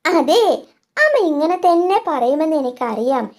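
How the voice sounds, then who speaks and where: A woman's voice: high voice, very animated, a little slow. A woman voicing a worried young mother in a doll story, fretful and soothing. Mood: protesting.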